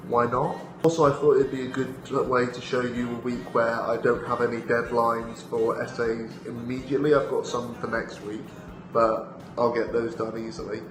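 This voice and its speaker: A man's voice: mid-range voice, rough recording. A young adult man, a student vlogger, talking casually to camera in a dry, self-deprecating way with bits of slang. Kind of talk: casual vlog talk to camera.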